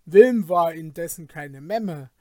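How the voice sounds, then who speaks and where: A man narrating an old tale in a measured, dramatic storytelling manner. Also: fairly high pitch, lively intonation, a little mellow, no echo, studio quality. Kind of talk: scripted audiobook narration.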